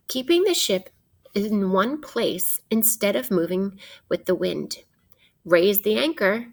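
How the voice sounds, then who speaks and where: This is a woman teacher reading nonfiction to kids, talking to them directly. Her voice is mid-range and gravelly, and her expressive reading aims to teach.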